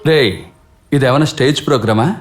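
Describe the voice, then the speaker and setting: An actor playing a wisecracking priest. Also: male voice, mid-range voice, natural voice. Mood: sarcastic. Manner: fast wisecracking retorts. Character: sarcastic middle-aged male priest, impatient. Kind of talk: dubbed film comedy dialogue. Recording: film dub with background score.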